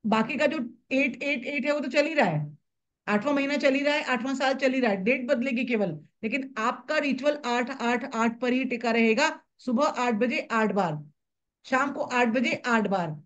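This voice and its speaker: A woman teaching a live online class on manifestation, talking briskly and conversationally, repeating her points over an online call. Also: high voice. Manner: brisk, repetitive, conversational explaining.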